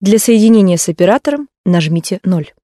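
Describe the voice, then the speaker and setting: Woman reading phone menu prompts, calm and even, mellow voice, dry close sound. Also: mid-range voice, dry recording. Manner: calm, even, measured announcing.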